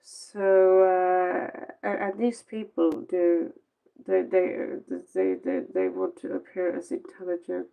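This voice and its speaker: A tired native Norwegian woman gives a casual late-night tarot reading in English with a Norwegian accent, rambling in a blunt, sarcastic way. Her voice is lowish and slow with vocal fry. The audio is narrow and tinny.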